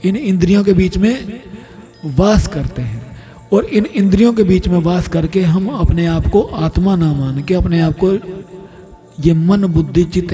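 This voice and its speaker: Male preacher giving a devotional sermon, fairly high voice, asks and answers himself, faint music behind. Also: dark tone. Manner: explains by asking and answering his own questions. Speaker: spiritual preacher narrating a scripture discourse.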